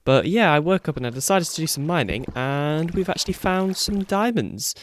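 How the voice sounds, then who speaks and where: A man's voice: a little high, lively intonation, normal speed. Rambling young man narrating gameplay. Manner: rambling, self-correcting, chuckles often. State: groggy morning voice. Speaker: gaming YouTuber. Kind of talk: casual Let's Play commentary. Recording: faint background music.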